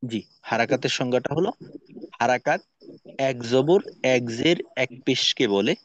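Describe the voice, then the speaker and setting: A man teaching Quran reading in an online class, spelling out Arabic letters one by one and repeating each sound slowly for his students. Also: mid-range voice, no echo, lo-fi sound.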